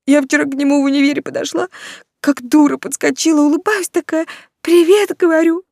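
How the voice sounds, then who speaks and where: A woman's voice: high voice, steady tone, a little fast, gravelly, darkish tone, no room sound, studio quality, pitched above the performer's own voice. A woman voicing a naive, tearful young woman student in an audiobook, plaintive and whiny. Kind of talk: audiobook character voice.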